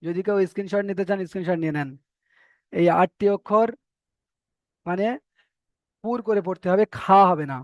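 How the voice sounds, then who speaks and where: A man's voice: high voice, normal speed, long pauses, no echo. A man teaching Arabic letter pronunciation in an online lesson, patiently drilling and correcting students. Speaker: Quran reading teacher.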